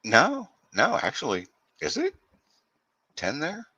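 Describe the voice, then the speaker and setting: A man's voice: on the high side, huge pitch swings, slow pace, pushed and bright, breathy edge, no echo, rough recording. An American man chatting casually on a video call, explaining at length and often restarting his sentences. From United States. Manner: explanatory, stumbles over restarts. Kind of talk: casual chat.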